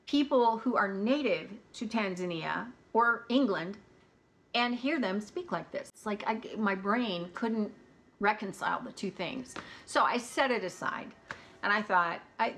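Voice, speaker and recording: A woman's voice: mid-range voice, fairly bright tone. Chatty American woman reviewing audiobooks. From United States. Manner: candid, chatty, frequent asides and laughs. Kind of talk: casual chat.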